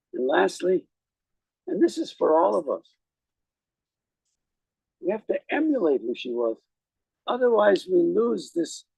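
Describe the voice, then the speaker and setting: A man speaking as a rabbi at a graveside, giving a eulogy in a measured, reflective way with deliberate pauses. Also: sits high, vocal fry, breathy edge, dry recording, rough recording. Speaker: rabbi officiating at a funeral.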